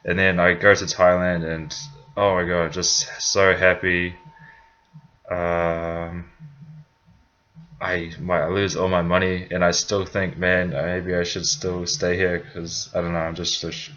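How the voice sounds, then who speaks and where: A man's voice: sits low, flat delivery, unhurried, sharp tone, highs cut off. A young man from New Zealand with a New Zealand accent, casually telling his own story in a vlog, rambling with many fillers and self-corrections.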